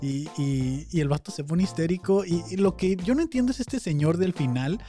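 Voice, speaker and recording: A man's voice: a little high, lively intonation, normal speed, mellow, faint music behind. A man with a Mexican Spanish accent hosting a podcast, chatting in a casual, incredulous way with many fillers while reacting to videos on a close mic. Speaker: podcast host. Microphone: close studio mic.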